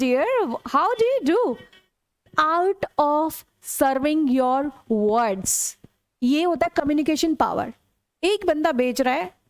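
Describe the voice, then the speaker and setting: An Indian woman teaching a spoken English lesson, explaining step by step and acting out sample sentences with lively intonation. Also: high-pitched, no room sound, clean studio sound. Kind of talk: classroom lesson in Hindi with English examples.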